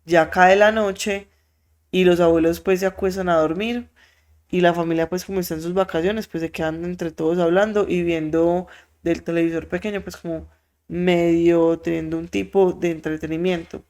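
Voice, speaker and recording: Podcast storyteller, animated, lots of fillers, acts out quotes. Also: medium pitch, normal speed, clean tone. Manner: frequent filler words. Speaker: podcast host.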